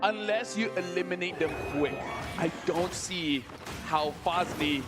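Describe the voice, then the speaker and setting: A man doing live esports commentary as a caster, excitable and emphatic. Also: sits high, measured pace, loud music behind the voice.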